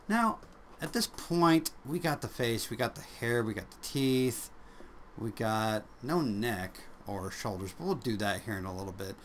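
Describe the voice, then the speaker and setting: A man's voice: medium pitch, expressive, unhurried, fairly bright tone, a little hiss or hum. A man casually narrating a drawing tutorial, rambling and joking at his own expense. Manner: rambling, jokey, self-deprecating, chuckles often.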